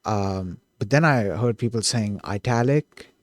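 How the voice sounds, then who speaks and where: A man working through code on a live stream, thinking out loud in an eager, self-correcting way. His voice sits at an ordinary middle pitch and sounds close and dry, with no room behind it. He often breaks off and restarts a thought. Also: a little slow, no echo. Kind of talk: thinking aloud while coding.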